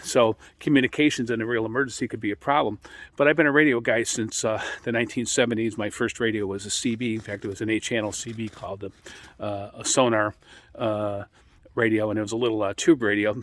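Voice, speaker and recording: A middle-aged American man giving an informal, rambling explanation as a radio hobbyist, speaking in a halting way. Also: lowish voice, fairly even intonation, a bit bright, no room sound. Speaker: amateur radio hobbyist hosting an introductory video.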